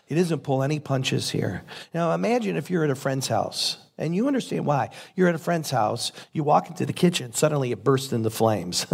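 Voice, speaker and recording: Guy pastor preaching, gravelly husky voice, chatty earnest sermon. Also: fairly high pitch. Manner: conversational preaching with fillers, earnest.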